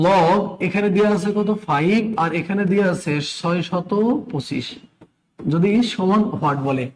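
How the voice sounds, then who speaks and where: A man with a Bangladeshi Bengali accent sounds tired as he teaches math in a live online session, talking slowly in a strained voice that is high and a little mellow. He repeats steps, quizzes his students, and greets the chat by name, all on a low-quality recording.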